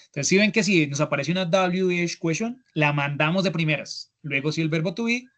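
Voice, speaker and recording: A man with a Colombian Spanish accent teaching English grammar in an online class, explaining step by step and often checking in with "¿listo?". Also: fairly high pitch. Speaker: English instructor. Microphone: computer mic on a video call.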